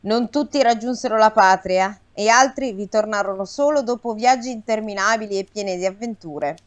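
A woman's voice: medium pitch, normal speed. A woman, co-hosting a casual podcast, reads an old myth aloud and breaks off now and then to banter. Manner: reads the story aloud with acted lines, stops to banter. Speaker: co-host reading a myth aloud.

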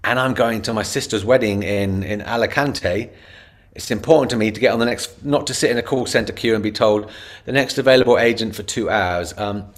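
A man answering an interview question in a casual, animated way, often acting out bits of quoted dialogue. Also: on the low side, fairly quick. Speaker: interview guest, customer experience leader.

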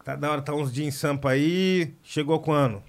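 Upbeat higher-voiced podcast host. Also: male voice, moderate pace, a little hiss or hum. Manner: upbeat, slangy, addressing listeners with "mano". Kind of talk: casual podcast chat.

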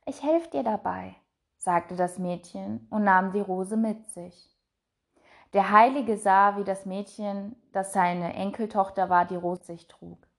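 A woman narrating a fairy tale in a soft, measured voice that trails off quietly. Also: mid-range voice, flat delivery. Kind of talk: storybook reading.

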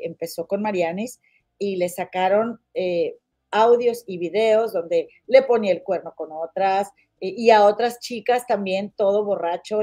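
Reading viewer comments on her laid-back livestream, this Mexican-accented host gossips without holding back and addresses her audience as comadres. Her voice is mellow and mid-range.

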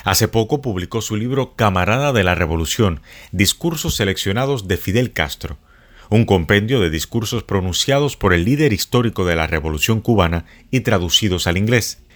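A man announcing a podcast episode in steady, scripted narration. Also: fairly low pitch, normal speed. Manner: steady, read-out delivery. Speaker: show announcer.

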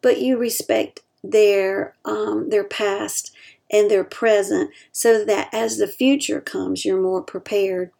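A woman giving earnest advice to caregivers, slowing down to stress her key points. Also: mid-range voice, steady tone, gravelly, mellow. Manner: acts out example quotes in other voices.

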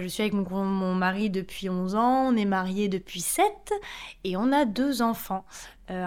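A woman in her thirties, a podcast guest telling her own story in a chatty, lively way with frequent hesitations. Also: mid-range voice, smooth. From France. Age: 30s. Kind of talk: casual interview storytelling.

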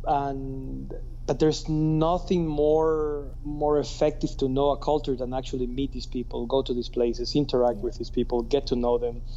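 A man from Ecuador with an Ecuadorian Spanish accent, a diving instructor, chatting relaxed in English and often adding "right?". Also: medium pitch, normal speed, hardly any pauses, dull audio, slight background noise. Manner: relaxed, tag questions "right?". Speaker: guest, scuba diving instructor. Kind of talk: casual remote interview.

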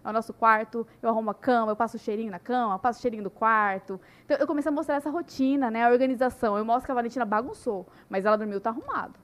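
A young woman telling her story in a casual podcast chat, animated and full of "né" tags. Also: a little high, rapid-fire, hardly any pauses. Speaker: podcast guest.

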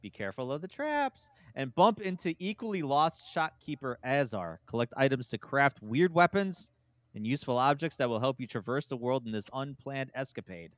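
Lively man reading game blurbs aloud. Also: mid-range voice, moderate pace, no room sound. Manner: reads game blurbs then breaks off to comment. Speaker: podcast co-host. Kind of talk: casual podcast chat, reading aloud.

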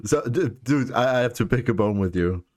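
A man's voice: mid-range voice, lively intonation, a little fast, darkish tone, dry recording, clean studio sound. A man co-hosting a podcast from home over a voice call, chatting casually and teasing his friend with a laugh. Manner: playful teasing, laughs while talking. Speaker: podcast co-host. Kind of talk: casual chat.

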